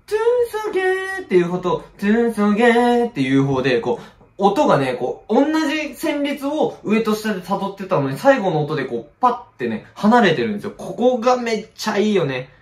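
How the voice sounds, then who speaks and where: Excitable man gushing over vocals, roomy echo. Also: high voice, brisk, faint music behind. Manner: excitable, gushing, hums and sings short snippets. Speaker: vocal coach reacting to a song. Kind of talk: casual vocal analysis reaction. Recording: roomy echo with song playing faintly.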